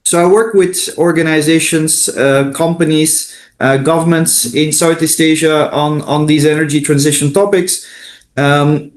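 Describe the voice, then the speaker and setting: Higher-pitched Belgian-raised man, hesitant. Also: fairly even intonation, a little slow. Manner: hesitant, many fillers and restarts. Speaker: interview guest, consultant. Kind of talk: unscripted interview answers. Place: video call.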